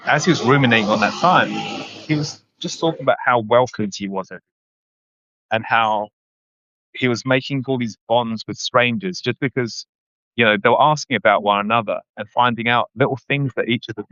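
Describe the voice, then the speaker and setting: A man, a guest speaking thoughtfully in a casual interview, often pausing and restarting. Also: mid-range voice, fairly bright tone, no room sound. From London, England. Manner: reflective, hesitant with many restarts and ums. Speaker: guest, running writer. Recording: dull, dry lo-fi audio.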